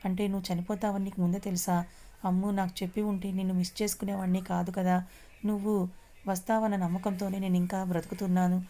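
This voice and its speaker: A woman's voice: mid-range voice, flat delivery, quick pace, warm tone, close to an everyday voice. A woman reading the part of a hurt young man betrayed by his family, in a story. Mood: longing. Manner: anguished.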